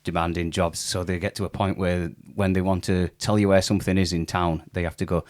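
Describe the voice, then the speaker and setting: Deep-voiced podcast host. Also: male voice, a little fast. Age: young adult. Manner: relaxed, chatty, with hesitant fillers. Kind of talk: casual interview chat.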